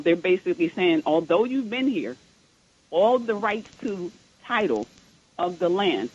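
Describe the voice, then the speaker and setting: A woman calling in to a radio talk show over a clipped phone line, explaining a point in a measured way with frequent pauses. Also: on the low side, breathy edge. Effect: clipped, muffled phone line. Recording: muffled phone call on radio.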